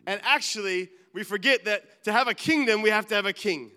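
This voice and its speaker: A man's voice: sits high, fairly quick, pushed and bright, clean tone, in a large hall. A man preaching a sermon as a pastor, earnest and building to emphatic peaks, with restarts and asides.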